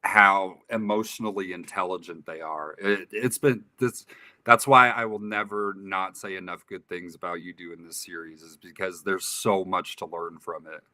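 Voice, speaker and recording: A man in his late thirties, a guest in a casual interview, speaking earnestly and candidly in short, halting phrases. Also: sits low, steady tone, sharp tone, dry recording, clean studio sound. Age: 30s. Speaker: podcast guest. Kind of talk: casual reflective interview talk.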